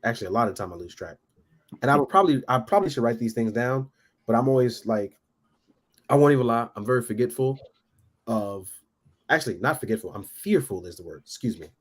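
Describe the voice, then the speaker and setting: Husky, animated man chatting. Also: mid-range voice, fast. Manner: animated, rambling, laughs often. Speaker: guest toy photographer. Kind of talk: casual podcast chat.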